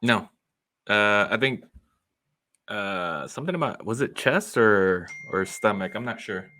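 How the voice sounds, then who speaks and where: A man with a bright, forceful voice co-hosts a podcast, wisecracking through the banter. His stories come out animated and quick-witted. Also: fairly low pitch, a little hiss or hum. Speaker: podcast co-host. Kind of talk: casual banter on a trading show.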